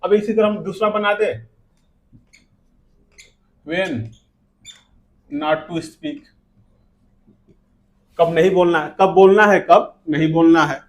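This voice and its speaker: A man with an Indian English accent teaching an English lesson, saying each example slowly and glossing it in Hindi. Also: high-pitched, fairly even intonation. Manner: slow, repeating words with Hindi glosses. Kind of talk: classroom lesson.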